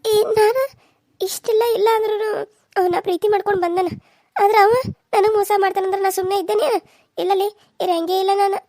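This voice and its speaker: Woman voicing a high-pitched gossiping village friend. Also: fairly even intonation, fairly quick, long pauses, warm tone, no room sound, studio quality. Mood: confiding. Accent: North Karnataka Kannada. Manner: confiding, urgent. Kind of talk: cartoon serial voice acting.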